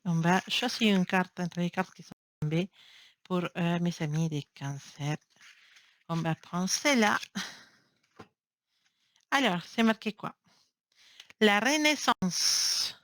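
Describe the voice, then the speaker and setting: A woman with a fairly low, slightly bright voice reads tarot cards to camera, and the recording sounds dry. French is not her first language, so she often pauses to find words and restarts phrases. Her casual manner is affectionate and encouraging, and she is picked up by the camera's built-in mic.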